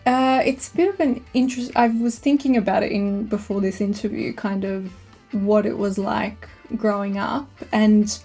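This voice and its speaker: Woman, 30s, podcast guest, reflective, mellow voice. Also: medium pitch, steady tone, moderate pace, slightly rough, soft background music. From Australia. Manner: reflective, warm storytelling. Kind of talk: podcast interview.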